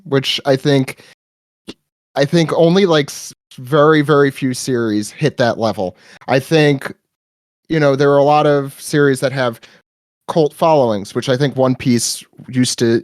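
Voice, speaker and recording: A man chatting as a podcast guest, eager and often restarting his thoughts, his voice rising as he warms up. His voice sits in a middling register. The sound is close and dry, with no room around it. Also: medium pitch, dry recording. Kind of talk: casual podcast chat.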